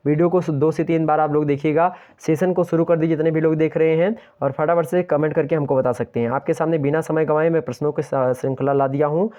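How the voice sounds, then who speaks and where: A man's voice: on the high side, steady tone, fast, hardly any pauses, dark tone. A young man teaching an exam-prep lecture online, who asks questions aloud and answers them himself and keeps urging viewers to like and share. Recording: dull lo-fi sound.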